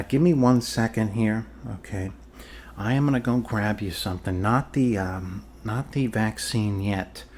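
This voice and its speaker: In an improvised ASMR role-play, a man plays a calm, quirky doctor treating a patient's zombie bite. Speaking in a lowish voice with slight background noise, he is halting and reassuring, trailing off with fillers and pauses.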